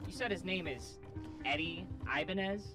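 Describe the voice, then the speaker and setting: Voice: medium pitch, normal speed. An actor voicing a helpful robot assistant in a scripted video sketch, reporting findings in a matter-of-fact, dutiful way with a robot voice effect. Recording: music bed behind.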